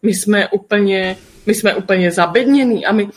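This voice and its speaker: A woman hosting a casual panel discussion, blunt and heated, swearing casually. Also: mid-range voice. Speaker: host.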